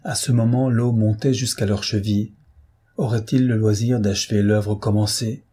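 Male audiobook reader, measured and dramatic, low mellow voice. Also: fairly even intonation, husky. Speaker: audiobook narrator. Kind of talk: scripted narration.

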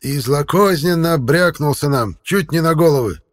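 A man voicing a stern old male fairy elder with a creaky, scratchy voice. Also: fairly high pitch, moderate pace, dry recording, studio quality, voice pushed up, natural voice. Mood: accusing. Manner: sing-song when promising.

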